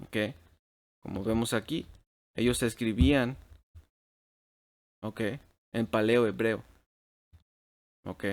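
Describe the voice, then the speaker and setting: A man's voice: on the low side, steady tone, slow, pauses often. A man teaching a Bible class over shared slides at a computer mic, checking in with "ok?" after nearly every phrase and dropping English words into his Spanish.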